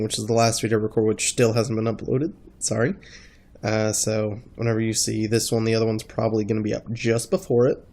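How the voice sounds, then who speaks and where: A man with a congested, stuffy-nosed voice talking casually in a rambling gaming vlog, halting as he thinks. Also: mid-range voice. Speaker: gaming video creator.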